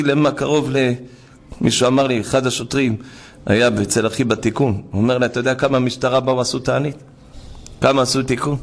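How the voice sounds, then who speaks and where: A man preaching a fervent religious sermon, urging his listeners to cry out and often rising to shouts. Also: mid-range voice, vocal fry. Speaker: rabbi preacher.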